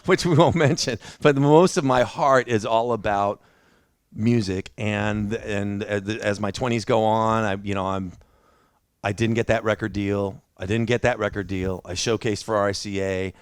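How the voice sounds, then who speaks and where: A man's voice: fairly low pitch, fairly even intonation, normal speed, smooth, no room sound, clean studio sound. A man preaching a sermon in a church, telling his own story in a conversational, self-deprecating way. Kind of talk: sermon with personal testimony.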